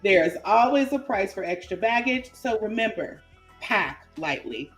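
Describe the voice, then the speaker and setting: A woman giving a motivational affirmation on a morning show, with a slow, emphatic delivery. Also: medium pitch, animated, faint music behind.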